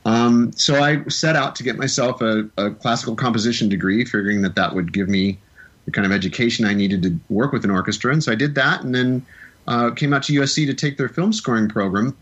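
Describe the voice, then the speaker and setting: A man's voice: mid-range voice, fairly quick, a bit bright, husky, dull audio. Enthusiastic man from the Midwest. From American Midwest. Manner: enthusiastic, rambling with restarts. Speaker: film composer guest. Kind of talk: casual interview storytelling.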